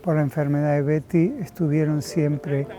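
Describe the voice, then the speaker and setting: A man, speaking slowly and thoughtfully about his life, often pausing with filler sounds. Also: on the high side, fairly even intonation, mellow, faint music behind. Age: 70s. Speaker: interviewee. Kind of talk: reflective personal testimony.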